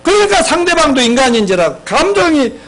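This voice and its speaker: A man's voice: very animated, brisk, fairly bright tone. A male pastor preaching a sermon who quizzes his congregation, leads them in reading aloud and acts out quarrels between spouses. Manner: acts out quoted spouses with sudden higher, sharper lines.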